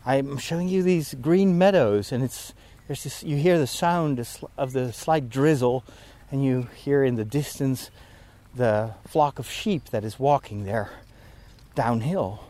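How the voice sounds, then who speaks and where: In this outdoor vlog, a priest walks up a hill in the woods, talking slightly slowly in a medium-pitched, dark-toned voice. He sounds tired and breathless, wandering through a monologue full of jokes at his own expense.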